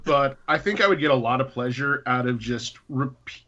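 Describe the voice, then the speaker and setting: A man's voice: mid-range voice, lively intonation, normal speed, bright, forceful tone. A man who is a former law clerk, a guest on a podcast, explaining things in a chatty way with fillers and chuckles. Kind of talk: casual podcast chat. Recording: slightly dull lo-fi sound.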